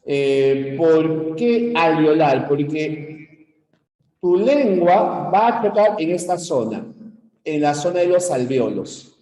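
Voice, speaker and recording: A man from Peru teaching a university-prep lecture, explaining step by step and checking in with the class through quick questions. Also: fairly high pitch, expressive, dark tone. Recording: echoey room.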